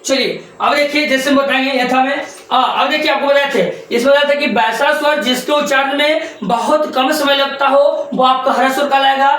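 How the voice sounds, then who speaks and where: A man with a notably high voice delivers a grammar lesson, going over each rule again and again and firing questions at his students. The sound is heavily echoey, as if captured in a bare, reverberant room. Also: steady tone, fairly quick, few pauses, fairly bright tone. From India. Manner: repetitive, drills points with rhetorical questions. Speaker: Sanskrit grammar teacher. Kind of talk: classroom lecture to students.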